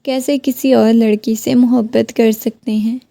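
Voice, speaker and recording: A woman's voice: a little high, little pitch movement, vocal fry, mellow, dry recording. A woman voicing a heartbroken young wife who keeps pleading with her husband. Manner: pleading, questioning.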